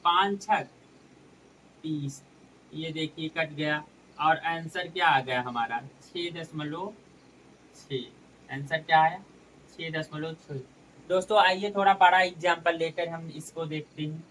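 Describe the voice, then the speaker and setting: A man's voice: on the high side, fairly even intonation, measured pace, a bit bright, distant mic, a little hiss or hum, poor audio. A man teaching a maths lesson step by step, calling his viewers friends as he works through each sum.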